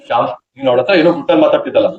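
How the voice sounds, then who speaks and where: A young actor playing a blunt, teasing husband who pries and mocks in a TV serial. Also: male voice, mid-range voice, very fast, close to an everyday voice. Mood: curious. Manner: blunt, teasing, mock-serious. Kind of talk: TV serial acting. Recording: dull lo-fi TV audio.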